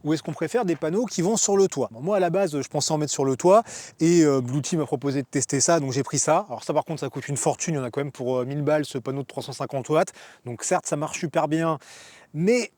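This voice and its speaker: A man's voice: fairly high pitch, fast talker, a little mellow, no room sound. A man hosting a casual explainer vlog, chatty and joking, with lots of fillers. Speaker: van life vlogger.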